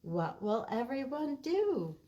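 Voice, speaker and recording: A woman's voice: sits high, big pitch swings, takes it slowly, dark tone, voice pushed up, exaggerated voice. A woman voicing a friendly, easygoing male cat in a picture book, with upbeat, simple, eager lines. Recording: roomy echo, distant mic.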